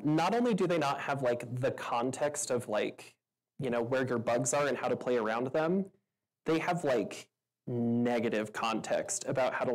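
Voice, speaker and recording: This rough recording catches a woman with a rumbling low, darkish voice. Speaking from a stage to a venue audience, she answers meetup questions casually, chattering with lots of fillers and frequent laughter.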